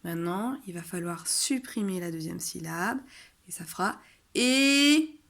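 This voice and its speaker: A woman teacher patiently explaining a phonics exercise to parents, saying example words loudly and slowly. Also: on the low side, gravelly. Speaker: kindergarten teacher. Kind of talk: home-schooling video lesson for parents.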